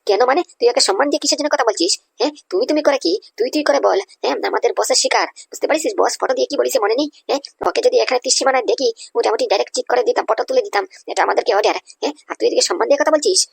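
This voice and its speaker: A woman voicing a tough, bossy male guard leader in a Bengali animated comedy, scolding and threatening. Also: high voice, racing, creaky, pauses often, husky, dry recording, exaggerated voice.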